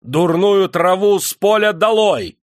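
A haughty, cruel old noble lord bellowing in fury, his voice thrown high and loud, as a man acts him out. Some words are dragged out slowly with contempt. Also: lively intonation, no room sound, studio quality. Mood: furious. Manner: loud, furious shouting.

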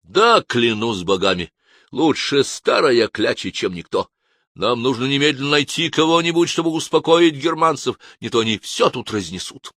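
A man reading an audiobook voices a young, hot-headed army sergeant who shouts and stirs up the crowd. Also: mid-range voice, animated, moderate pace, no room sound, studio quality, pitched above the performer's own voice. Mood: rousing. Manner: shouting and rabble-rousing. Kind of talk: audiobook character voice.

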